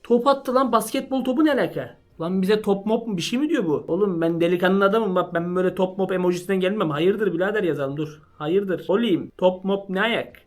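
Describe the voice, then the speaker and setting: Young male vlogger, excitable and jokey, casual slangy delivery to camera. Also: high-pitched, a little fast, hardly any pauses. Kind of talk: casual parody chat to camera.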